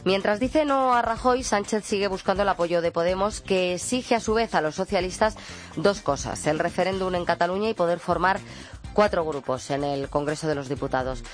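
A woman presenting a radio news roundup in a brisk manner, with chatty asides to her co-host. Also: fairly low pitch, soft background music.

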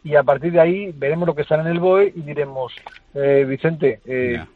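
Road safety expert on a tinny phone line. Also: male voice, fairly high pitch, normal speed. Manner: assured, explanatory, addresses listeners directly. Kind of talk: radio interview on a phone line. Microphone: telephone.

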